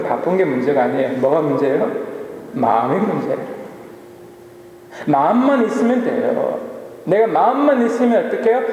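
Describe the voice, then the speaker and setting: In a church sanctuary with long, echoing reverb and slight background noise, a male pastor with a high-pitched, dark voice gives a sermon. He repeatedly asks the congregation questions and supplies the answers himself.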